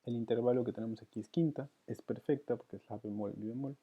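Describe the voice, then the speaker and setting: A man's voice: mid-range voice, steady tone, fast, background noise. A man teaching counterpoint, working through it aloud with hesitations. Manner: thinks aloud with many fillers and restarts. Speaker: music teacher. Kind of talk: counterpoint lesson, thinking aloud. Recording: dull lo-fi sound.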